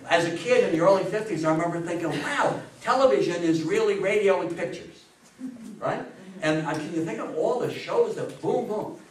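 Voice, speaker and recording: An American man in his sixties gives an informal, animated live lecture on radio history to an audience, repeating phrases for emphasis. His voice is high-pitched and his pace moderate. Captured by a far camera microphone in a small indoor meeting room, it sounds roomy, noisy, and distant.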